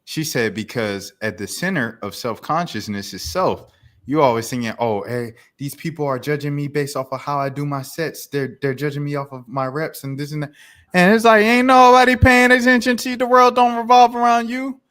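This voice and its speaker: A young man co-hosting a podcast chats casually in a loose, rambling, slang-filled way, restarting his sentences often. His voice is on the high side and a bit bright, at a moderate pace.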